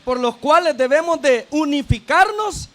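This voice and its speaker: Man, deacon, sermon, very high voice, tag questions to the flock, calls them brother and sister, repeats phrases. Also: lively intonation, measured pace, a bit bright. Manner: frequent "¿verdad?" tag questions to the congregation; addresses listeners as brother and sister. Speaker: deacon preaching.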